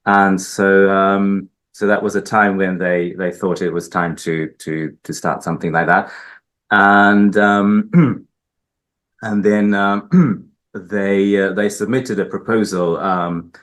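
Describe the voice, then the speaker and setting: Slowly and with many fillers and restarts, a Hungarian man, a linguist, answers interview questions as a guest in a research institute building. He speaks in a low, fairly bright voice with a steady tone.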